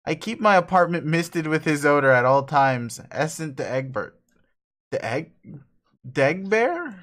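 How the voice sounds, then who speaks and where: A man doing a deadpan, teasing odd girl. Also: on the high side, unhurried.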